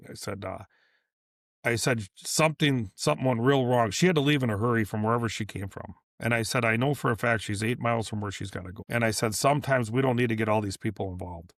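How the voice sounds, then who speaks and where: A man's voice: mid-range voice, fast talker, a bit bright, no echo, studio quality. A man, a repair shop owner, telling a long story in a casual podcast interview, rambling and acting out what people said. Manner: rambling, repeats and restarts, acts out dialogue. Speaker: business owner guest.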